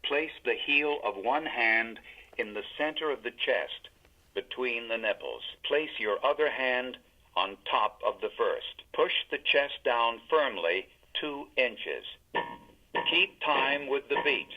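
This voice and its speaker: Man as defibrillator prompt, slow, impersonal, deliberate instructions, lo-fi sound. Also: medium pitch, lively intonation. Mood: calm, instructive. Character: calm defibrillator machine giving step-by-step voice prompts. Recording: dull, lo-fi device audio.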